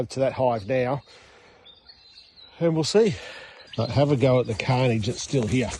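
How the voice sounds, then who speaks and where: This hobby beekeeper, a middle-aged man, plainly narrates his work in a casual vlog beside buzzing hives in a rural yard. The audio, from a handheld phone camera at arm's length, carries a little hiss or hum, and his medium-pitched voice sounds dark.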